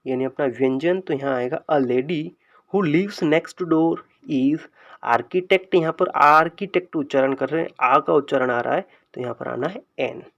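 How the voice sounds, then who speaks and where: Man patiently explaining grammar, dull sound. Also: fairly high pitch. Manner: slow and explanatory, stretching out example sentences. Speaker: English grammar teacher. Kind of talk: explaining a lesson.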